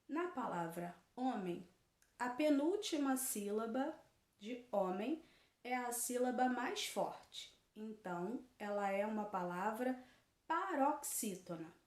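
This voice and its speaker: A woman teaches a recorded lesson, speaking slowly and deliberately in a fairly high voice. She repeats each answer patiently. The phone recording carries a noticeable room echo. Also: animated. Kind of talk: recorded lesson correcting a worksheet.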